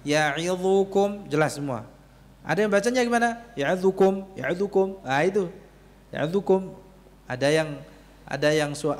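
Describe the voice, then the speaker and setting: A man teaching Quran recitation, questioning his class, having them repeat, and chanting Arabic words slowly. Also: high voice. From Indonesia. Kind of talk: tajwid lesson with call-and-response. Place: mosque prayer hall. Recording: echoey mosque hall.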